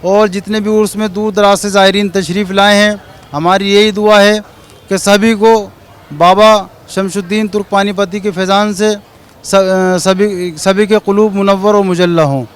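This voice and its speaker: A man giving a formal spoken account, haltingly, with ornate religious vocabulary. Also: high voice, flat delivery, clean tone.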